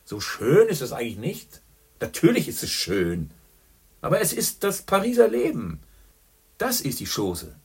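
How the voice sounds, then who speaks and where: A man voicing a boisterous, worldly middle-aged journalist who talks loudly and boastfully. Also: mid-range voice, wildly swooping pitch, measured pace, creaky, husky, pitched above the performer's own voice, full character voice. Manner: loud, hearty and boastful.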